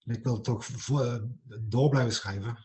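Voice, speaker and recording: A man, a writer, talking reflectively in a slow, halting way, stuttering and restarting often. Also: mid-range voice, steady tone, a little mellow. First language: not English; writes in English. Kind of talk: reflective conversation.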